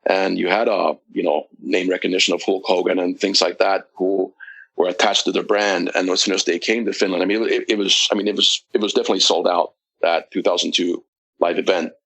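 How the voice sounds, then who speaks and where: A man's voice: low voice, steady tone, brisk, fairly bright tone, low-quality recording. A man, a guest on a casual podcast, recounting at length with many fillers and restarts. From United States. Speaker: guest, wrestling promoter.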